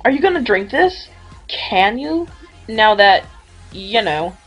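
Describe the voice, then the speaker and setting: A woman's voice: medium pitch, slow pace, husky, faint music behind, exaggerated voice, low-quality recording. Woman voicing Hanna, a bouncy young ghost hunter. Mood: teasing. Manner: excitable, teasing. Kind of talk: fan audio drama.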